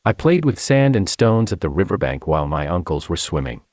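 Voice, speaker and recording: Man, audiobook memoir narration, deep, very lively intonation, dry close sound. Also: brisk, no room sound. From China. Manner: expressive storytelling.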